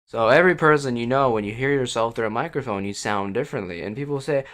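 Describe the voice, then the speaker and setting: Talking fast in a medium, somewhat bright voice, a man walks through audio settings over his headset at an indoor computer by a wall. The explanation wanders casually, with many fillers, restarts and self-deprecating hesitation.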